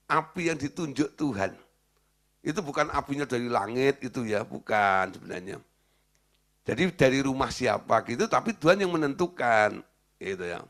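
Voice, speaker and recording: A man's voice: mid-range voice, fairly bright tone. A man preaching a casual sermon as a pastor, firing rhetorical questions at the congregation and laughing at his own points. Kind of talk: conversational sermon.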